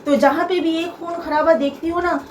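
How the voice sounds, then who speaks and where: A young woman with a high voice pours out a personal grievance on her vlog, emphatic and full of stops and restarts. Her voice rings around a bare, echoey room, with a faint hum of ambient noise behind it. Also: steady tone, brisk. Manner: aggrieved, emphatic, repeats herself with many hesitations. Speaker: vlogger.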